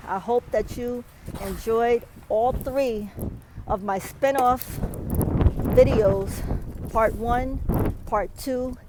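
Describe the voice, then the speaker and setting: A woman's voice: fairly high pitch, slow pace, pauses often, noisy background. Breathless New woman vlogging in snow. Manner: repeats "okay?", emphatic advice. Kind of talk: outdoor weather vlog. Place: outdoors in a snowstorm.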